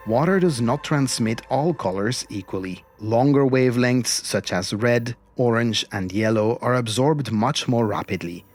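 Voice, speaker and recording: A man narrating an expedition documentary in a measured, reflective and earnest way, as its host. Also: medium pitch. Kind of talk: scripted documentary-style narration. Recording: music behind the voice. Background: music.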